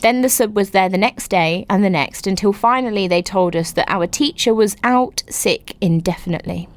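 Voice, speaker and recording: A woman's voice: medium pitch, no room sound. A woman hosting a podcast, reading listener stories aloud and reacting to them with giggles and exclamations. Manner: animated, giggly, exclaims often. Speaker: podcast host.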